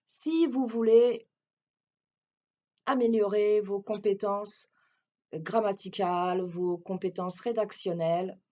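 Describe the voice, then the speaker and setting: A woman's voice: medium pitch, fairly even intonation, slow, long pauses, dark tone. A French woman who teaches French gives a hesitant, explanatory self-introduction with a French accent, often restarting her sentences. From France.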